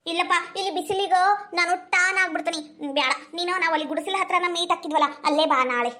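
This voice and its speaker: A woman's voice: extremely high pitch, very fast, bright, forceful tone. A woman playing a tearful, food-loving young village woman with a North Karnataka Kannada accent, weepy and giggly as she talks.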